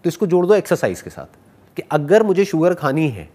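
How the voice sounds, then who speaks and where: This man delivers a motivational talk and fields questions from the audience, mixing Hindi with English phrases in an animated, teasing way. He speaks briskly, with a pitch on the high side.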